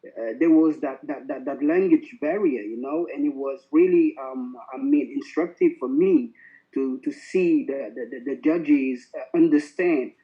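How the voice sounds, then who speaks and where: A man from Senegal with a Senegalese French accent, a French speaker, talking haltingly about his music over a video call. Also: mid-range voice. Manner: halting, many restarts. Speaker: contestant artist. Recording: dull, lo-fi video-call audio.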